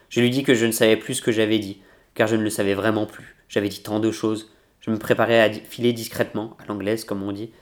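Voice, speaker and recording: Male reader, low register, even and unhurried, literary read-aloud. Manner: measured, steady literary reading. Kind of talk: reading a novel aloud.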